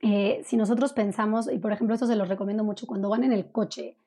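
A woman's voice: medium pitch, fairly even intonation, quick pace, husky. A woman, a parenting coach speaking conversationally, explaining and often adding "¿no?". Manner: warm explanatory, frequent "¿no?" tags. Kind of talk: conversational interview.

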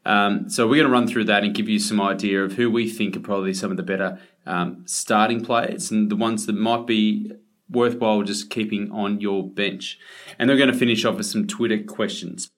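An Australian man hosts a sports podcast in a fairly low voice. His delivery is casual and conversational, like someone running through an agenda with a mate. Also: fairly even intonation, normal speed. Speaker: podcast host.

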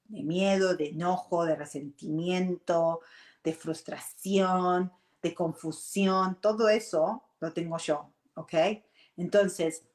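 A woman talks through her feelings and meditation practice to listeners. Her voice sits low for a woman, and she doubles back and restarts her phrases. The room around her is echoey. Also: fairly even intonation, takes it slowly, darkish tone. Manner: earnest, restless, restarts phrases often, checks in with "ok?"; mixes in English words. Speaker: meditation and self-growth speaker. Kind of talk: reflective personal talk to an audience. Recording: roomy echo.

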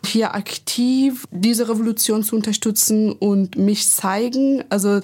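A woman's voice: medium pitch, steady tone, unhurried, a little mellow. A woman in her twenties from Iran, a podcast guest, who speaks German with small slips and some hesitation. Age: 20s. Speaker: guest, activist. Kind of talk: podcast interview.

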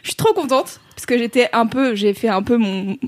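High-voiced woman hosting, dry close sound. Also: moderate pace, no echo. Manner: animated, slangy, quotes imagined remarks. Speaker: podcast host. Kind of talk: casual, chatty podcast talk.

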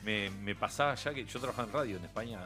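A man's voice: on the low side, fast talker, music in the background. A middle-aged man with a Uruguayan accent, chatting as a radio guest, telling anecdotes with frequent laughter and restarts. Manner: chatty storyteller, laughs often, many restarts. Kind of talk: relaxed radio conversation. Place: radio studio.

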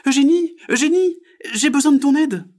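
A man's voice: extremely high pitch, normal speed, a little mellow, pitched above the performer's own voice. A man doing a tiny, eager little girl frog. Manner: eager, pleading. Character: small hopeful female tree frog.

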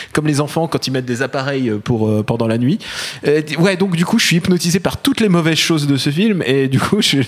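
Male co-host, slightly high voice, wry animated film chat. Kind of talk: casual film review chat.

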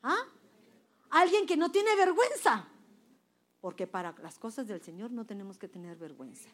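A woman's voice: a little high, expressive, normal speed. A woman preaching a sermon to a women's church group, emphatic and quizzing her listeners with questions. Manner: emphatic, swings between loud and soft.

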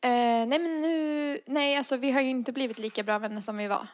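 A woman's voice: high-pitched, steady tone, no room sound. A woman casually telling a personal story and acting out the dialogue in it, full of fillers. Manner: acts out quoted dialogue, frequent fillers.

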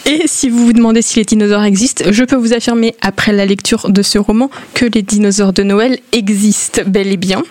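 A woman's voice: medium pitch, fairly quick, few pauses, no room sound. Gushing woman co-host, fairly level voice. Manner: gushing, enthusiastic, fairly even-toned. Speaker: co-host of a book show. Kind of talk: casual book recommendation.

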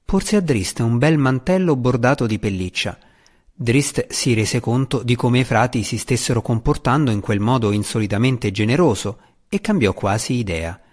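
A man narrating a fantasy audiobook with expressive, dramatic storytelling. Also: mid-range voice, normal speed.

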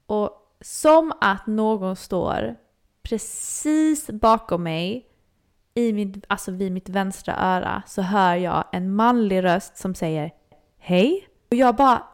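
Young woman, podcast co-host, slight vocal fry, animated storyteller. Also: mid-range voice. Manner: animated storytelling, acts out her own reactions. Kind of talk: casual chat.

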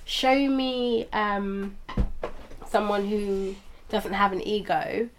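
A woman's voice: medium pitch, fairly even intonation, slow, a little hiss or hum. A woman in a casual philosophical chat, asking questions and weighing ideas conversationally. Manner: questioning, conversational, uses fillers.

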